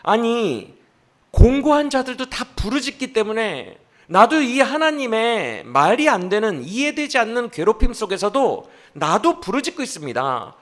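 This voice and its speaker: A male pastor delivers a sermon in church in a high, unhurried voice. He is animated, asking the congregation questions and acting out the speaker's complaints.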